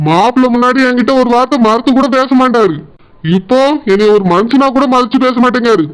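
A performer voicing an angry village father in a cartoon, speaking with a Tirunelveli Tamil accent and accusing and complaining forcefully. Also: medium pitch, brisk, smooth, lightly acted, poor audio. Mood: distressed. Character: angry village father, the woman's brother-in-law. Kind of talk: cartoon voice acting.

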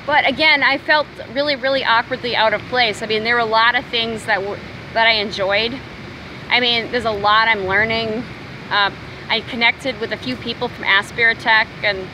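A woman's voice: a little high, background noise. Chatty woman vlogging on a city street. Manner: chatty, rambling, many fillers and restarts. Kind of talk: casual selfie vlog. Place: outdoors by city buildings. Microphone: phone at arm's length.

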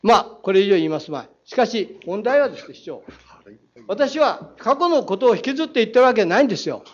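Speaking fast and very animatedly in a voice high for a man, a Saga-accented city council member combatively grills the mayor from the council floor, reading quotes aloud and firing rhetorical challenges. The council chamber audio is dull, muffled and lo-fi.

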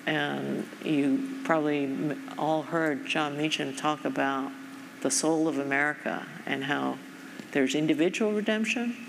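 A Japanese foundation president speaks in an onstage conversation on a large conference stage, her low voice carrying a gravelly edge. She is thoughtful and measured, using frequent fillers, while the reverberant hall adds faint noise.

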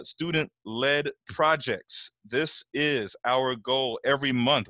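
A man's voice: on the low side, fairly bright tone, dry recording. A man hosts an online community meeting in an earnest, encouraging voice. He leans on ums and uhs as he goes. The sound is dry and close to the mic. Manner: earnest, encouraging, uses many fillers. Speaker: meeting host.

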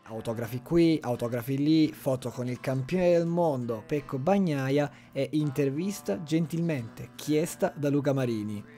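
A man's voice: medium pitch, a little slow, hardly any pauses, dark tone, soft background music. A young man narrating his vlog in a candid, self-mocking storytelling voice-over. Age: young adult. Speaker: vlogger.

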